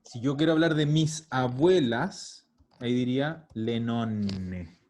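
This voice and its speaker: A man's voice: mid-range voice, slow pace, a little mellow. A man teaching an online language lesson, patiently explaining and repeating words over a video call. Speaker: Italian teacher.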